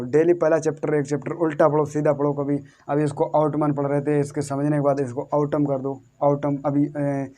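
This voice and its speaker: This English teacher's voice sits on the high side and sounds mellow. In his classroom-style lesson he says things more than once, answers the questions he puts to viewers, and spells words letter by letter.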